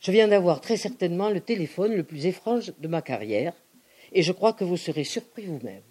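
A woman giving an expressive, outspoken dramatic reading of letters. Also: lowish voice, a little fast, husky. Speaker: reader.

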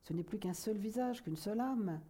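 A woman voicing a vain, irritable middle-aged novelist who lectures pompously and flares up quickly. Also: medium pitch, warm tone, breathy edge, voice pushed up, natural voice. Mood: lecturing.

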